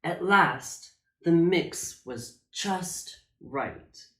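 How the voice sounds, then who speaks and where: A man reading a children's picture book aloud as a drag storytime reader, with theatrical, emphatic phrasing and dramatic pauses. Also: on the high side, animated, fairly bright tone. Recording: echoey room.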